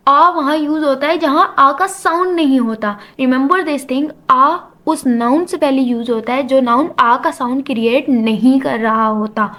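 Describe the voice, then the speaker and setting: High-voiced woman teaching grammar. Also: pushed and bright. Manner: explains step by step, mixing English terms into her talk. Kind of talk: classroom lecture.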